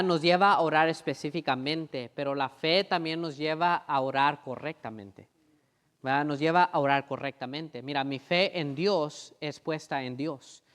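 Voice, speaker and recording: A man's voice: on the high side, fairly bright tone, in a large hall. A man preaching a sermon as pastor in a conversational way, often checking in with the congregation and repeating phrases for emphasis. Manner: conversational preaching, keeps asking "¿verdad?". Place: church sanctuary.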